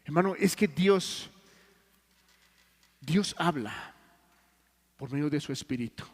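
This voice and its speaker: A man preaching a sermon in Mexican Spanish, telling stories earnestly and swinging between loud and hushed. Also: a little high, animated, takes it slowly. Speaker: pastor. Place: church hall. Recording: long church reverb.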